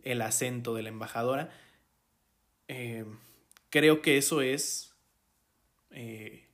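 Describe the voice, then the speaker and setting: A man's voice: mid-range voice, a bit bright. A man with a Mexican accent hosting a podcast, talking through the news in a casual, hesitant way, with many fillers and restarts. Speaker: podcast host. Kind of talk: casual solo commentary.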